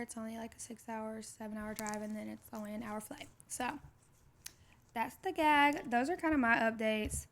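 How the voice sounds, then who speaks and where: A woman's voice: a little high, a bit bright. A woman in her twenties co-hosting a podcast, telling a story in casual chat with lots of "like" fillers. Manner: chatty, storytelling with many "like" fillers. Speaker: podcast co-host.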